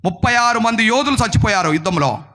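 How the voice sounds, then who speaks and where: Male pastor, emphatic sermon delivery with call-and-response, bright forceful tone. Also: high voice, animated, fast talker. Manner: emphatic, questions the congregation and urges replies.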